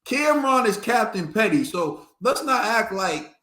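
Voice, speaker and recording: A man's voice: sits high, big pitch swings, measured pace, sharp tone. A man co-hosting a podcast, giving emphatic casual boxing commentary and laughing often. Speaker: podcast co-host. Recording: roomy echo.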